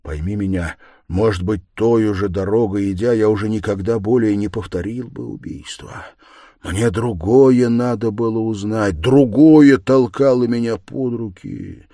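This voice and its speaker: A man's voice: on the low side, measured pace, mellow, no echo, clean studio sound, voice pushed up. A male audiobook reader voicing a tormented, feverish young man who argues in agitated, bitter outbursts. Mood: feverish confession. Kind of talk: audiobook character voice.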